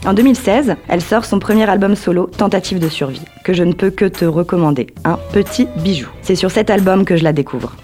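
A woman's voice: deep voice, mellow. A young woman presenting a scripted radio music column, talking to her listeners directly and with enthusiasm. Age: young adult.

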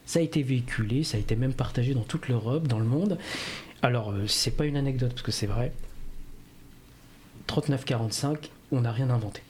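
A man's voice: medium pitch, a little fast, pauses often, darkish tone, a little hiss or hum. A man, a radio columnist explaining at length, with many fillers. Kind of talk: radio talk segment.

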